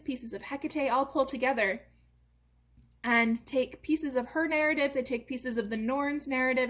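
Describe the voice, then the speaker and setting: A young American woman from a theatre company giving an informal educational talk, lively and explanatory, with frequent "uh" and "um" fillers. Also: fairly high pitch. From United States.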